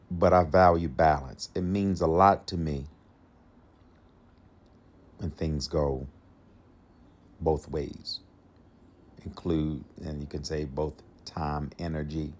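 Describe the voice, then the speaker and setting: A man's voice: extremely low pitch, a little mellow. A man hosting a podcast, giving dating advice in a casual monologue, repeating his key lines for emphasis and chuckling to himself. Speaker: podcast host.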